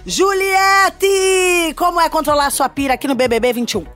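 A Brazilian woman hosts a mock podcast in a high voice. Her delivery is playful and theatrical, with faint music underneath. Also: normal speed, a bit bright.

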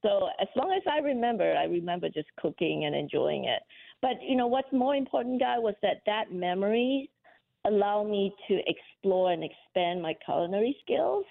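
A woman's voice: mid-range voice, sing-song, moderate pace, gravelly. A woman from Malaysia, a cookbook author and guest, answering interview questions in an eager, earnest way. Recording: tinny phone line.

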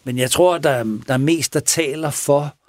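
A man who is a police officer, retelling a case in a casual interview, halting with pauses and restarts. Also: a little high, fairly even intonation, a little mellow, no room sound, clean studio sound. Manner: halting, with many pauses and restarts, acts out quoted speech. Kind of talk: casual spoken storytelling in an interview.

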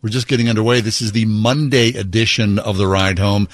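A man's voice: lowish voice, steady tone, a little fast, no echo. A man chatting casually as a radio show co-host.

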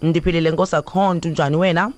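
A woman's voice: on the low side, steady tone, rapid-fire, a little mellow. A woman with a South African Xhosa accent hosting a radio interview, switching between English and Xhosa. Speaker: radio host.

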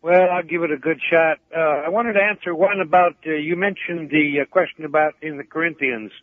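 A man calling in to a radio show over the phone, chatting casually and pausing on "uh" fillers. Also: on the high side, dry recording. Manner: hesitant, with frequent "uh" fillers. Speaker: radio caller. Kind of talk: casual call-in chat. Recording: tinny phone line.

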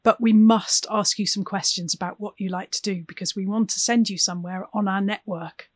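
A woman co-hosting an interview, with a bright, enthusiastic presenter manner. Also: medium pitch, fairly even intonation, a little fast, dry recording. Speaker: podcast co-host. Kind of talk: hosted interview.

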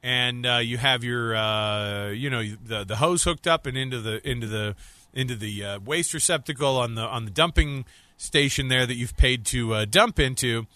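A man hosts a casual radio talk segment with a bright, sharp-edged voice. He teases and jokes, often breaking into laughter. The sound is dry and close with no room around it. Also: mid-range voice, normal speed, no room sound. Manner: joking, laughs often, teasing. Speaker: radio show host.

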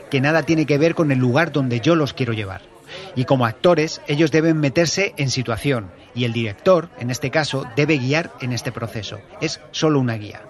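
A man hosting a podcast, answering listener questions in a measured, explanatory way as an audio drama director. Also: mid-range voice.

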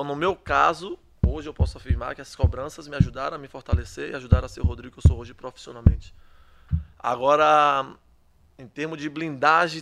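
Quick-talking young man, speaking at an average pitch. He answers interview questions in a loose, chatty flow and often restarts his phrases. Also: creaky, fairly bright tone. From Salvador, Bahia, Brazil. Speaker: footballer guest.

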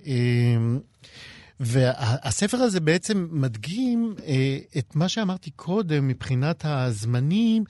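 A man's voice: fairly high pitch, big pitch swings, darkish tone, dry recording, clean studio sound. A man talking about a novel on a radio show, hesitant, with many fillers and restarts. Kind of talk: radio discussion.

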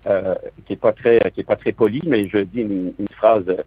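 A man's voice: lowish voice, fairly even intonation, normal speed, breathy edge, no echo. A man from southern France with a Quebec French accent, a stage actor talking as a radio guest over the phone, hesitant and reflective with many restarts. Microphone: telephone. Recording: tinny phone line.

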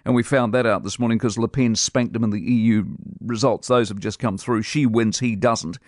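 A man delivers opinionated radio commentary in a blunt, scornful way. His voice sits at an ordinary middle pitch and sounds close and dry, with no room sound. He talks like a seasoned host laying down his view. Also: fairly even intonation, normal speed, no room sound. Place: radio studio.

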